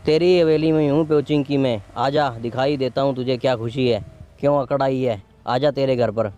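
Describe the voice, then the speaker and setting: A man's voice: medium pitch, fairly even intonation, moderate pace, warm tone, close to an everyday voice. A man playing a brash gang member. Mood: defiant. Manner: brash, challenging. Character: defiant young male gang member.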